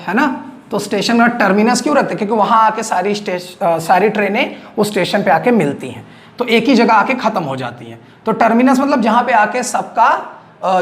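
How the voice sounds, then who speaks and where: A male physics teacher, lecturing at a classroom board, asking checking questions and slowly dictating definitions word by word. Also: sits high.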